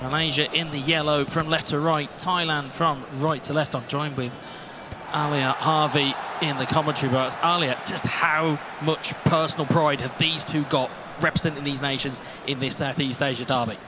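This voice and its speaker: A man with a high voice commentates an esports football match in a live broadcast. He calls the play in quick bursts and climbs into shouts at the big moments. Steady background noise sits under his voice. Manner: excitable, rising to shouts at goals.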